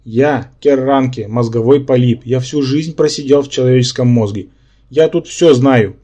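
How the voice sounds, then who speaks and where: A man's voice: mid-range voice, warm tone, lightly acted. A man voicing a male brain-polyp symbiont who lectures and argues, in an audiobook. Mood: lecturing. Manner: lecturing, quick to take offence.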